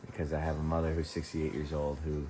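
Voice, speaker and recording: A man's voice: rumbling low, completely flat delivery, quick pace, warm tone. A man talking casually to camera over a meal at his mother's home, upbeat and joking. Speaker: vlogger and ultrarunner. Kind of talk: casual vlog talk to camera.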